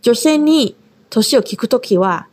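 Slow-spoken higher-voiced woman teacher. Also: lively intonation, a little mellow. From Taiwan. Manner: slow, drawn-out model pronunciation. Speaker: language teacher. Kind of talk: paced language lesson.

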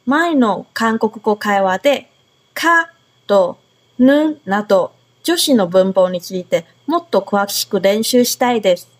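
A woman's voice: medium pitch, animated, slow pace, faint music behind. A woman from Taiwan co-hosting a radio language lesson, asking questions and repeating phrases after her partner. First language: Mandarin Chinese. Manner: bright, asks questions, repeats after co-host. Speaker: Chinese language teacher, co-host.

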